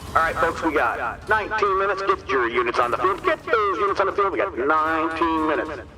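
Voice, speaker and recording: A man's voice: on the high side, sing-song, a little fast. A man talking through a voice changer app, calling out commands to his viewers in a rallying way. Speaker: live streamer. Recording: loud music behind the voice.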